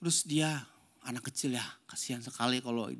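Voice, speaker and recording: An older man, a pastor, preaching a sermon and telling a family story, swinging between loud emphatic lines and hushed, soft passages. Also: mid-range voice, fairly even intonation, a little fast.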